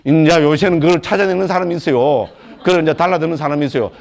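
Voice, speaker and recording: An older man giving a Buddhist lecture as a monk, animated, asking rhetorical questions and checking in with his listeners. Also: on the high side, fast, creaky. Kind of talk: dharma lecture.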